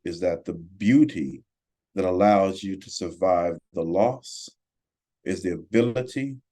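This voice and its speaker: Man in his forties, low voice, warm tone, measured reflective podcast chat. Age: 40s. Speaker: podcast co-host.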